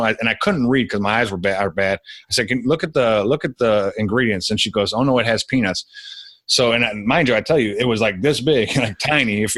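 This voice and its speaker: A man's voice: on the low side, sharp tone, no echo. A young adult man, a podcast guest, telling a personal story in casual conversation with many restarts.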